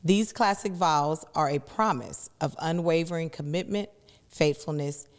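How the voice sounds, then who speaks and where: Woman w low voice explaining stuff casually, earnest, stresses key words, echoey reverby room. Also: unhurried. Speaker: co-host. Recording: reverberant room with long echo.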